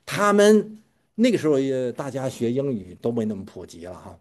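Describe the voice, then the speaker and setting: Male preacher, sermon, stammering repeats, swooping animated pitch, mellow tone. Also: normal speed. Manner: stammering repetitions, chuckling asides, quizzing listeners.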